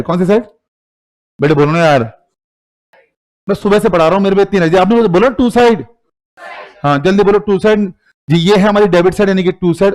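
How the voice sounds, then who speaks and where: In a live classroom, an Indian-accented man with a high voice runs an accounting lesson, playfully ribbing the students and firing call-and-response questions at them.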